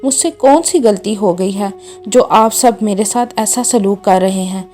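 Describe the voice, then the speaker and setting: A woman's voice: medium pitch, mellow, soft background music, close to an everyday voice. A woman voicing a young wife who pleads tearfully with her husband and mother-in-law. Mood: pleading.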